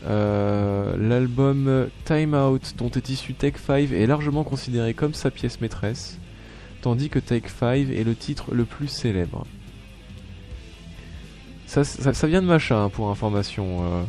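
A man hosts a relaxed radio show, talking in a mellow, darker tone and pausing often to hunt for his words. Faint music plays behind his voice. His pitch sits in an ordinary middle range. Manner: hesitant, many filler sounds and restarts. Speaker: web radio host. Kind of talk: casual live radio chat between songs.

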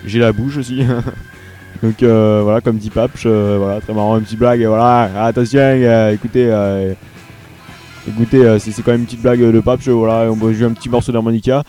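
A man's voice: fairly low pitch, flat delivery, a little fast, mellow, faint music behind. A young man from France hosting a live web radio show in casual chat, hesitant and full of fillers and restarts.

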